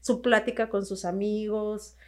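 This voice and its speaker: A woman's voice: medium pitch, flat delivery, unhurried, darkish tone. A woman with a Mexican accent, a bridal makeup artist chatting on a podcast, who tells her stories with animation and acts out the voices she quotes. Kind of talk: casual podcast chat.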